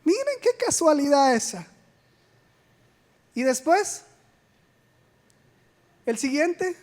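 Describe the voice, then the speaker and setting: High-voiced woman preaching in a church. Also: takes it slowly. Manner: animated, asks the congregation rhetorical questions; acts out quoted speech in a dramatic way. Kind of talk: sermon. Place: church sanctuary. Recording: long church reverb.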